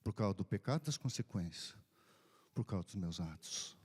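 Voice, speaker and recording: Deep, animated and a bit rough, with a darkish tone, the man speaks at normal speed. As a preacher narrating a deathbed scene, he voices the dialogue, alternating hushed whispers with sudden bursts.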